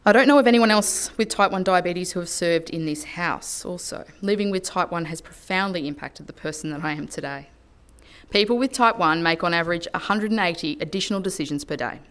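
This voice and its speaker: An Australian woman speaks in a legislative chamber, delivering a prepared parliamentary speech. Her voice sits somewhat low for a woman, and her delivery is earnest and measured. She is picked up by a lectern microphone. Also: a bit bright. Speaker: politician.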